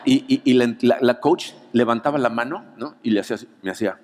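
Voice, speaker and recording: A male pastor with a Mexican Spanish accent tells a personal story from the pulpit, animated and conversational. His mid-range voice rings with the long reverb of a large church auditorium. He keeps checking in with the room through little asides. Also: medium pitch, fast talker, slight background noise. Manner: animated storyteller, peppers lines with "¿no?". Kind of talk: anniversary sermon with personal story.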